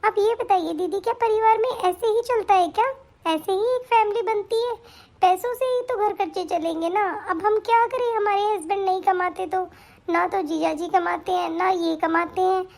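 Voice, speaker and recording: A woman voicing a young daughter-in-law who pleads for money and complains tearfully, in an animated story. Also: very high voice, moderate pace. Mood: hurt.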